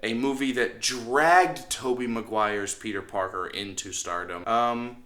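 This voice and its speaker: A man's voice: medium pitch, a little slow, pushed and bright. A man hosting a casual movie review, rambling and often doubling back on his phrases. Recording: echoey room.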